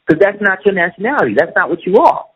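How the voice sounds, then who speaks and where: This guest is a middle-aged man whose high-sitting voice swings widely in pitch, moves at a quick pace, and carries a breathy edge. Chatting casually, he makes his points emphatically and repeatedly checks "you see what I'm saying," all on a muffled, low-fidelity recording.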